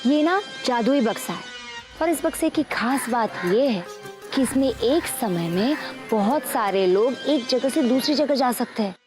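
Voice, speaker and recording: A sly snake-woman sidekick to a cartoon villain, taunting in tone. Her voice sits high. Music plays behind. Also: animated, a little slow.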